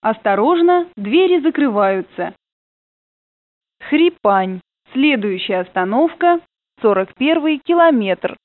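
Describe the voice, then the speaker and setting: A woman calls out train stops over the intercom, slowly and formally, with a lively rise and fall in her voice. The sound is tinny and narrow, like a phone line, and dry, with no room echo. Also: a little high. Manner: formal, measured announcing. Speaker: train announcer. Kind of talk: recorded stop announcements.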